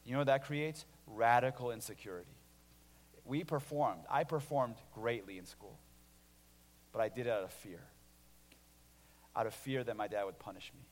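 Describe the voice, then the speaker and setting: A man in his thirties from Illinois preaching a sermon as a pastor, telling stories with lively restarts and swings between loud and hushed delivery. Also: mid-range voice, moderate pace, long pauses. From Illinois, USA. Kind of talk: sermon with personal story. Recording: long hall reverb.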